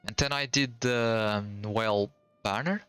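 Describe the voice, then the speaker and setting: This Portuguese-accented young man, Portuguese by native language, streams games and chats in a loose, slangy ramble with many restarts. He speaks at a measured pace in a lowish, fairly bright voice that is clear and resonant, with no echo.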